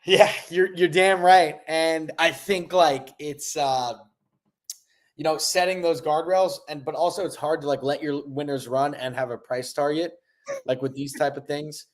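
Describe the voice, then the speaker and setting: A young man co-hosting a casual chat, excitable and rambling, stressed, swinging from low mumbles to loud bursts. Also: unhurried. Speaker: podcast co-host.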